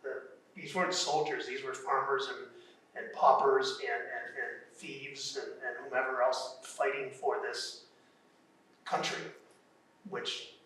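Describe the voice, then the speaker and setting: A man's voice: medium pitch, little pitch movement, measured pace, pushed and bright. A man in his fifties or sixties speaking on a discussion panel, reflective and rambling, with frequent restarts. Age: 50s-60s. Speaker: panel participant. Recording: very echoey room from far off.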